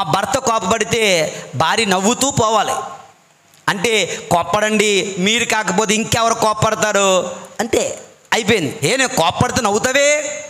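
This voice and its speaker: Bright high-voiced preacher man. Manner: storytelling, acts out quoted voices. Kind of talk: sermon with anecdotes.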